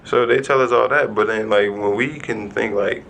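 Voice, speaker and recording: Man, co-host, gravelly voice, rambling casual chat, faint rumble behind. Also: normal speed, a bit bright, poor audio. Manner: rambling storyteller, heavy "like" fillers. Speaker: podcast co-host.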